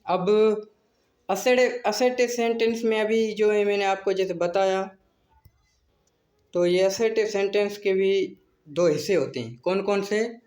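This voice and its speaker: A man with a fairly high voice teaches English grammar in a home-made lesson video. He talks slowly, repeats each point, and poses questions to answer himself. He mixes Hindi-Urdu explanation with English terms. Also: a little mellow. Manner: slow, repetitive, answers his own questions.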